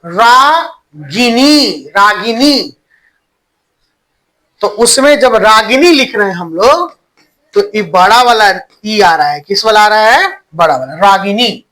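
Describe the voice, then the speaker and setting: A man's voice: high voice, expressive, unhurried, sharp tone, rough recording. A man teaching a Hindi grammar class online. He asks the students questions, answers them himself, repeats key points and mixes in English words. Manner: stretches vowels while demonstrating sounds.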